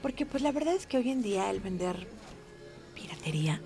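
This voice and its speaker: A woman tells her own life story in a warm, expressive way. Her pitch sits mid-range, and faint music plays underneath. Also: a little fast. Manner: heartfelt, expressive, emphatic. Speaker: market vendor telling her life story. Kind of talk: personal storytelling.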